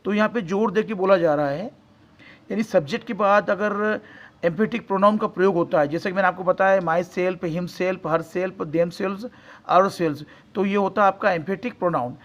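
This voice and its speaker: High-voiced man teaching grammar. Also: normal speed, a bit bright, muffled recording. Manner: repeats points, asks and answers his own questions. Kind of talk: grammar lesson explaining English in Hindi.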